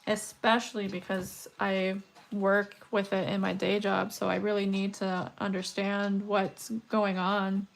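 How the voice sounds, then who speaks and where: In her thirties, this livestream host beads while chatting casually and rambling, laughing often. Her slightly scratchy, weak voice sits at medium pitch with little pitch movement, a measured pace, and vocal fry.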